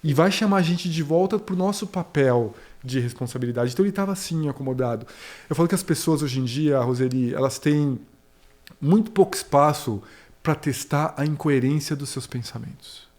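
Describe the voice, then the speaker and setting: A man's voice: a little high, moderate pace, a little mellow. A man from Brazil in his forties, a career mentor explaining his views earnestly in a podcast interview and telling anecdotes. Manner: earnest, explanatory, tells anecdotes with quoted dialogue.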